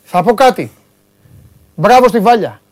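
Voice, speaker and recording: A man's voice: high-pitched, expressive, a little mellow. Teasing, exclamatory male sports host. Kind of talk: casual studio chat.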